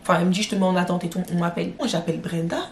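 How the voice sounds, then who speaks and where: A woman's voice: lowish voice, racing, slight background noise. A young woman vlogger retelling a drama in a casual, slangy storytime, talking straight to her viewers. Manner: slangy, addresses viewers directly, animated retelling. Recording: roomy echo.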